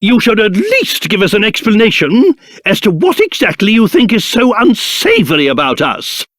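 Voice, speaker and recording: King Trode, wildly excitable pompous old British king. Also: moderate pace, dry recording, clean studio sound, heavily acted. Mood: indignant. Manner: pompous, theatrical, swinging between grumbling and shrill outbursts. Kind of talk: video game character voice acting.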